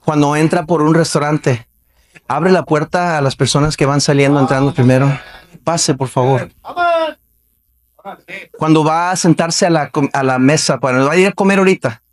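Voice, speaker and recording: A man's voice: a little high, fairly even intonation, brisk. A male pastor preaching a Baptist sermon in a conversational way, asking the congregation question after question and acting out quoted voices. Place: church sanctuary.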